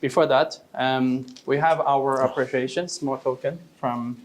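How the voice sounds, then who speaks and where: A man's voice: mid-range voice, steady tone. Guy moderator wrapping up a seminar, polite, lots of uhs and ums. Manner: polite, halting with fillers. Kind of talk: formal closing remarks.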